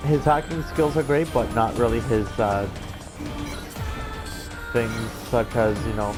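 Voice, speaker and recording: A let's player gives casual game commentary, explaining things in a rambling, hesitant way with a medium-pitched voice at a measured pace. Video game music and sounds play behind his voice.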